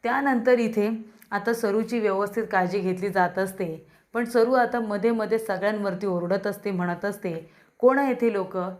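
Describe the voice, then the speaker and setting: A woman's voice: mid-range voice, normal speed, darkish tone. A woman narrating a recap of a TV serial episode and addressing viewers directly.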